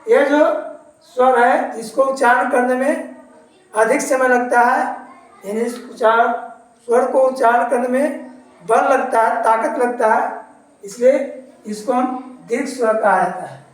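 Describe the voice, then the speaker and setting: A woman teaching a grammar lesson, explaining slowly and repeating each point. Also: fairly high pitch. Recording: very echoey room, far from mic.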